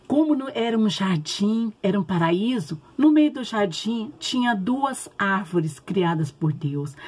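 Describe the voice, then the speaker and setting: A woman's voice: mid-range voice, a little mellow. A woman with a Brazilian accent telling Bible stories to young children in a simple, repetitive, sing-song manner. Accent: Brazilian Portuguese. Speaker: children's Bible story teacher. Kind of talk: storytelling lesson for young children. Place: at home. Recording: noticeable background noise, home recording.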